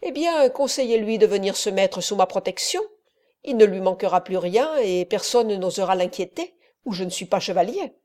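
A man's voice: high voice, animated, normal speed, a little mellow. A woman reading a haughty nobleman in an audiobook, contemptuous and dismissive. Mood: mocking. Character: arrogant haughty male nobleman.

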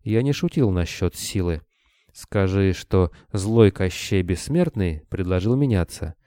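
Grim deathless hunter, read by a man, dry terse lines, very deep warm voice. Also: animated, a little slow, no room sound.

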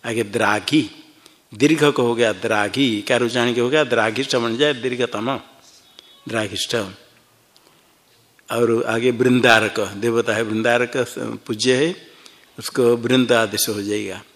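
A man's voice: mid-range voice, steady tone, unhurried, a bit bright. A man teaching a classroom Sanskrit grammar lesson, explaining each form step by step and quizzing his students as he goes. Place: ashram classroom.

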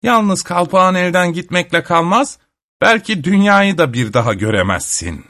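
A man's voice: sits high, expressive, normal speed, bright, forceful tone, voice pushed up, exaggerated voice. A man voicing a sly, spiteful old witch woman in a storybook reading, with a mocking, sneering manner. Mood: menacing.

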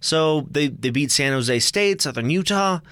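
A man's voice: a little high, animated, a little slow, fairly bright tone, clear, resonant tone, dry recording. A young man co-hosting a casual college sports preview, chatty and joking, often stumbling and correcting himself. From United States. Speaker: sports show co-host.

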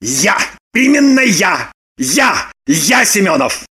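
A woman voicing a hot-tempered, sarcastic grown man in an audiobook, prone to shouting outbursts. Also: mid-range voice, sing-song, slow pace, a crowd in the background. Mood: confessing. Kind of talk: audiobook character reading.

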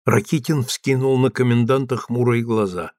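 A man narrating a novel in measured storytelling. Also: mid-range voice, fairly even intonation, darkish tone, no room sound, clean studio sound. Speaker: audiobook narrator. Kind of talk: scripted narration.

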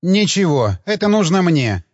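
A sharp-tongued old stage actress, commanding and insistent, her voice pitched up high and swinging widely as a man reads her part. She scolds and pushes without pause. The audiobook sound is a little dull and lo-fi. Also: sing-song, dry recording, exaggerated voice. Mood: insistent, scolding.

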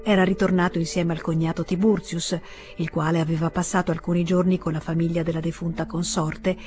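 A woman narrating a literary audiobook in a measured, even way. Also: on the low side. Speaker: audiobook reader.

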